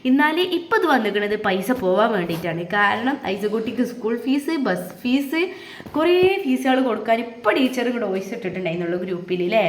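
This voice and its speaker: Woman; home vlogger, casual step-by-step craft chat, mid-pitched everyday voice. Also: expressive, brisk, a little hiss or hum. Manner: chatty, explains step by step to viewers. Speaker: family vlogger.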